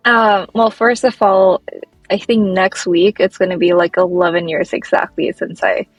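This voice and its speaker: A woman's voice: medium pitch, little pitch movement, moderate pace, breathy edge, no echo, faint music behind, rough recording. A woman in her thirties from Nepal, a startup founder answering as a podcast guest, chatty and full of "like". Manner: chatty, leans heavily on "like". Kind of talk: casual interview. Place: New York City.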